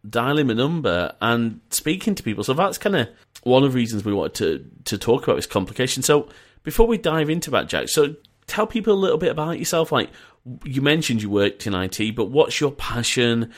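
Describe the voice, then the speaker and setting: A man's voice: mid-range voice, very animated, brisk, few pauses. Chatty northern English man hosting. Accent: northern English, Yorkshire. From North of England. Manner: chatty and rambling, joking asides. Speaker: podcast host. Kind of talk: casual podcast chat. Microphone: voice-over-IP call.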